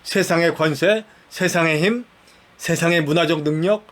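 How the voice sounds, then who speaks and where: A man with a fairly high voice preaches a sermon in a church. He tells it like a story, slipping into the voices of the people in it. Now and then he puts a question straight to his listeners. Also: normal speed, a bit bright. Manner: conversational storytelling, acts out dialogue, asks the listeners questions.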